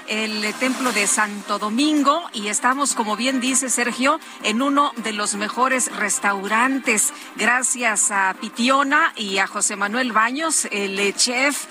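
A woman co-hosting a morning news broadcast from an open-air terrace, chatty and lively, with many fillers. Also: on the high side, slow pace, few pauses. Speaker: news co-host reporter.

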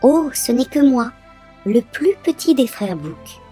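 A man's voice: extremely high pitch, sing-song, slow pace, mellow, soft background music, exaggerated voice. A man voicing the smallest billy goat, timid and pleading in a little voice.

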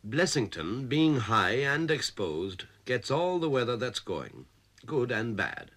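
Male narrator, scripted documentary, animated pitch. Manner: measured, descriptive.

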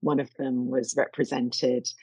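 Husky, creaky middle-aged East London woman. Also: a bass voice, level tone, measured pace, darkish tone, dry recording, rough recording. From East London, England. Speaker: interviewed artist. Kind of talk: reflective personal storytelling in conversation.

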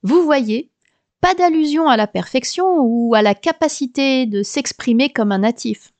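Chatty high-voiced woman podcast host. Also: a little slow, darkish tone, dry recording. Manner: chatty, explanatory, lightly humorous. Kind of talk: scripted podcast monologue.

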